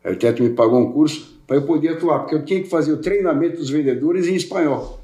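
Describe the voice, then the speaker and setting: A man's voice: fairly high pitch, fast, dark tone. Older man rambling in a roomy echo. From Portugal, raised in Brazil. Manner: rambling, repeats words and restarts. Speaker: podcast guest, welding specialist. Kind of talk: casual interview chat.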